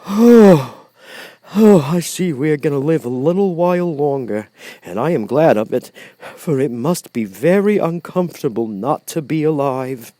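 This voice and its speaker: Man voicing the anxious, quavering Cowardly Lion, pitched up. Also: expressive, mellow, no room sound, clean studio sound. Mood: shaky relief. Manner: stammering, drawn-out fearful exclamations. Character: big cowardly lion, anxious, trembling, whimpering, lovable.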